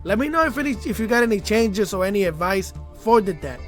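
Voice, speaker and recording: Stuffy from a cold, a man doing casual gameplay commentary for YouTube hypes card game replays with slangy trash talk. His high voice is animated and quick, with faint music in the background.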